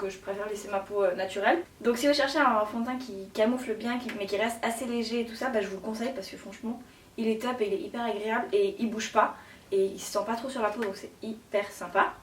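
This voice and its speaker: A woman's voice: mid-range voice, fairly even intonation, quick pace, reverberant, recorded from a distance, a little hiss or hum. A young woman chatting casually to camera about her haul, gushing and slangy, with lots of fillers. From Switzerland. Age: young adult. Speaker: beauty vlogger.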